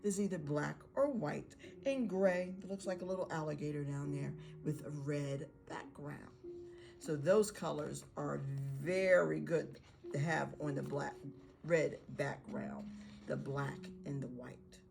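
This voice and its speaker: A woman's voice: low voice, a little slow, vocal fry, music in the background. A woman teacher giving parents encouraging tips on reading and writing activities with their young children. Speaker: pre-K teacher. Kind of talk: instructional video for parents.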